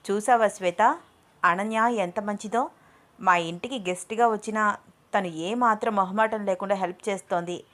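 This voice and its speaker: A woman voicing a gentle, earnest young man in an audio story. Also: medium pitch, normal speed, natural voice. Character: kind, puzzled young man, Abhiram.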